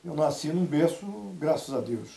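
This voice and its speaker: A man from Salvador, Bahia, in Brazil, with a slightly high voice recounts his life as a guest on a relaxed TV interview program. Recorded with a roomy studio sound, he tells stories at a measured pace and quotes others in lively asides.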